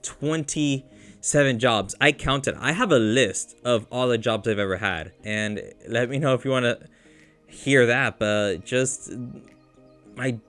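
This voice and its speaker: A man's voice: medium pitch, a bit bright. A man vlogging in a casual, rambling monologue, often stopping and restarting his sentences as he talks through something emotional. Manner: rambling, self-interrupting, emotional.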